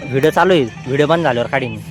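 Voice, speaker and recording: A man's voice: medium pitch, racing, music in the background. A man, giving chatty, teasing vlog commentary outdoors. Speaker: vlogger.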